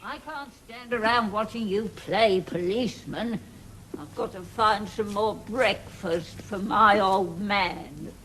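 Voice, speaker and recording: A woman's voice: medium pitch, slow, fairly bright tone, slight background noise. A woman playing a blunt, impatient older peasant woman, brusque and matter-of-fact.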